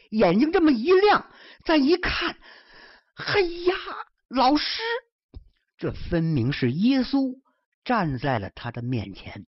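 Lively swooping woman storyteller. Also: on the low side, breathy edge, no room sound. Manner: lively, swooping theatrical delivery. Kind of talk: traditional storytelling narration. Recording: dull lo-fi recording.

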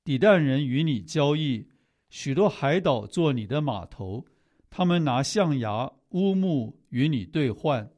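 A man reading scripture aloud in a steady, measured way. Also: medium pitch, muffled recording. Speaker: scripture reader.

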